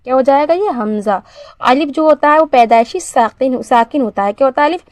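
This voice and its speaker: Higher-voiced woman teaching syllable drills. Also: a little mellow, dry recording. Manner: asks questions and answers them herself, drills syllables slowly. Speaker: Quran reading teacher. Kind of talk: beginner Arabic reading lesson.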